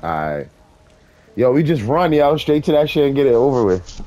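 A man's voice: medium pitch, sing-song, moderate pace, mellow. A man chatting casually with friends while gaming, talking in loose, profane slang over a headset. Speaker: gamer streaming with friends.

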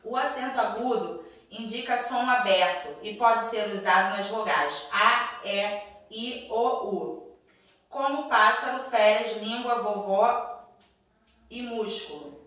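A woman's voice: medium pitch, slow, a bit bright, heavy reverb, far from the mic, rough recording. A woman teacher with a Brazilian Portuguese accent reading a worksheet to young pupils, patiently checking in after each step. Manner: refers to herself as "tia [name]". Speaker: primary school teacher.

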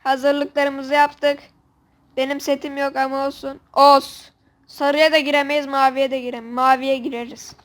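A woman commentating a video game with a friend, excitable and joking, swearing playfully. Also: high-pitched, a little slow. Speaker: gamer host. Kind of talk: casual gameplay commentary.

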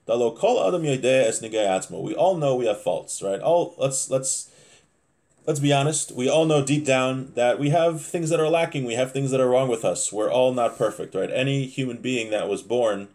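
This religious teacher, a man in his thirties, has a medium-pitched, slightly mellow voice. Indoors in a small home room, he reads Hebrew phrases aloud and explains them in English, frequently going back to repeat or reword his points in a relaxed lesson.

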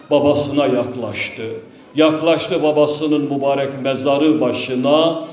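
A man's voice: medium pitch, darkish tone. A man delivering a mourning sermon in a mosque, emotional and declaiming, at times chanting. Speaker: preacher. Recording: echoey mosque hall.

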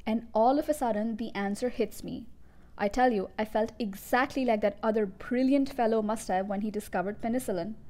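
A woman reading a storybook aloud, voicing a boastful, crooked car-dealer father who talks loudly and emphatically. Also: fairly high pitch, brisk, lightly acted. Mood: bragging. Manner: loud, bragging, emphatic.

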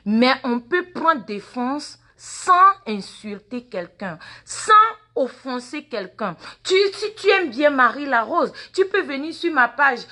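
Her voice is high, pushed, and bright, with lively intonation, a slow pace, and few pauses. A native Mina speaker in her forties with a Mina accent, this social media personality streams a live phone monologue in a large indoor waiting room, phone at arm's length, fervently lecturing followers and repeating words and questions.

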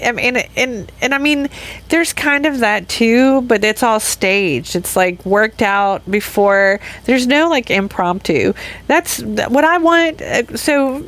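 A woman in her fifties hosting her own podcast in a loose, candid solo chat that rambles with frequent laughs and restarts. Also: a little high. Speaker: podcast host.

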